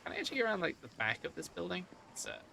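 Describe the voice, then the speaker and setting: A man's voice: sits high, sing-song, racing, vocal fry, background noise. A man giving casual live gameplay commentary as a streamer, often muttering to himself. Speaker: game streamer.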